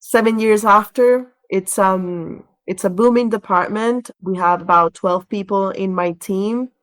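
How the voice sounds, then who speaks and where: A woman with a mid-range voice talks at a measured pace. Originally from Venezuela, she is a relocation director on a podcast, giving conversational interview answers full of stories and explanations.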